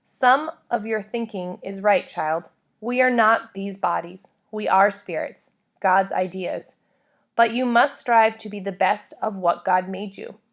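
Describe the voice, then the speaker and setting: Casting: wise old grandmother in a memoir read-aloud, played by a woman narrator, earnest, firm, instructive, mid-pitched. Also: a little slow, close to an everyday voice. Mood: earnest advising.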